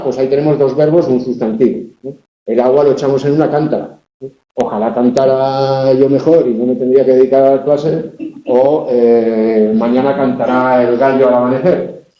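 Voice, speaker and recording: A university lecturer explains patiently, often checking that students follow. His voice is dark and mellow, a touch higher than most men, and he sounds tired. The recording is roomy and a little dull. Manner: explanatory, frequent checks like ¿de acuerdo? and ¿vale?.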